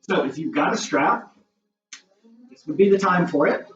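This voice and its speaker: A man teaching a beginner yoga class, giving calm, encouraging cues with casual asides and getting a little out of breath. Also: a little high, normal speed. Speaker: yoga instructor. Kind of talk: guided yoga class instruction. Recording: roomy, distant, dull camera audio with faint music.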